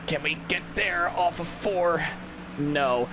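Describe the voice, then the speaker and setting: A man's voice: fairly high pitch, takes it slowly. Tired man berating himself over gameplay. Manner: self-critical, rambling with many restarts. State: sleepy, tired. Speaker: gameplay commentator. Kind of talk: casual let's-play commentary. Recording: loud game engine noise behind. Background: racing game engine noise.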